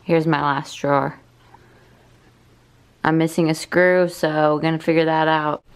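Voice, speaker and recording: A woman's voice: sits low, flat delivery, a little slow. A young woman chatting casually to the camera in an upbeat vlog, with self-mocking asides. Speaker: vlogger. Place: car on a road trip, then home.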